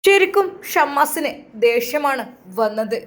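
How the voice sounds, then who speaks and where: A woman's voice: sits high, lively intonation, unhurried. A woman with a Malabar Malayalam accent narrating a family story in a dramatic, emotive way.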